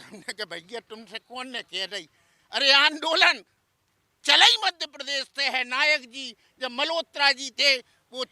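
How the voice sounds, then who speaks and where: A man's voice: extremely high pitch, pushed and bright, no echo. A man with a Bundeli accent, an activist making an earnest political case and retelling exchanges in his own words. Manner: earnest, storytelling with quoted exchanges. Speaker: activist interviewee. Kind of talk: impassioned political talk.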